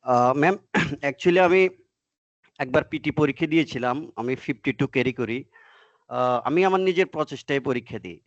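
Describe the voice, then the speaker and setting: A man's voice: mid-range voice, moderate pace, long pauses, no echo. Man, from Bangladesh, student, deferential, hesitant, dry muffled call audio. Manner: deferential, hesitant with fillers and throat clearing. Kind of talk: asking questions in an online class. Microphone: video call.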